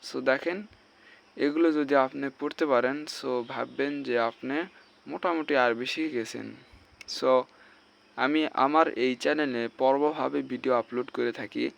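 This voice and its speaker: A man's voice: mid-range voice, fairly even intonation, normal speed, gravelly, fairly bright tone. A man teaching Arabic reading in a patient lesson, naming each letter and vowel sign before blending the syllable and asking viewers to answer. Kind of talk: slow spelling-out lesson.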